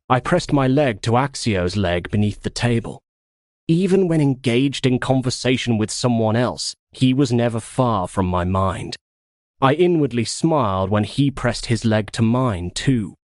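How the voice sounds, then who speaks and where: A man reading a first-person novel as an audiobook with expressive storytelling. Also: mid-range voice, no echo, studio quality. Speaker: audiobook narrator.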